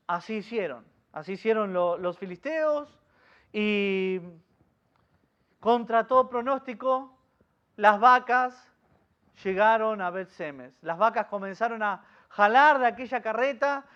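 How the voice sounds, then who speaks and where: An Argentine pastor with a very high voice leads a Bible study in a muffled recording. He's a lively storyteller, recounting the story vividly and quizzing his listeners with questions.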